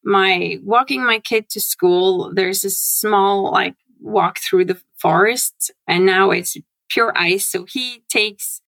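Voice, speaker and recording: A woman, a guest chatting in an animated way and laughing often. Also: mid-range voice, slow, creaky, few pauses, no room sound. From Norway. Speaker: guest, CRM consultant. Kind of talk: casual interview chat. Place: home.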